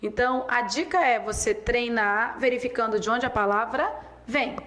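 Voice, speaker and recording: A Brazilian woman teaching a spelling lesson, dictating words slowly and drawing them out. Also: fairly high pitch, a bit bright, a little hiss or hum, poor audio. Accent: Brazilian Portuguese. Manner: slow, drawn-out dictation of words.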